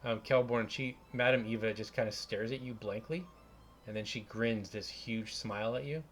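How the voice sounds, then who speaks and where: A man acting as game master, casually narrating a tabletop game in a halting way as he searches for words. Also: lowish voice, slight background noise.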